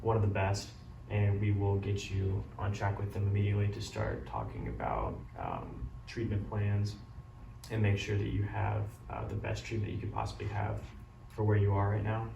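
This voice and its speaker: A man playing a caring doctor who breaks bad news gently, apologetically and haltingly in a role-played consultation. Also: lowish voice, lively intonation, creaky. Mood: gentle, apologetic. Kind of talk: amateur role-play of a medical consultation. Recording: roomy, distant mic, loud background noise.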